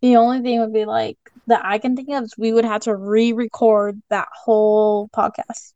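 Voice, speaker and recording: A woman's voice: on the high side, flat delivery, moderate pace, dark tone, dry recording, lo-fi sound. A woman podcast co-host talking informally and casually over an online voice call. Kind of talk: casual private chat.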